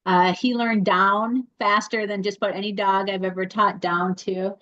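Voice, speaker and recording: A woman's voice: medium pitch, fairly even intonation, moderate pace, fairly bright tone. Woman on a dull lo-fi video call. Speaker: dog foster. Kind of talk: casual chat.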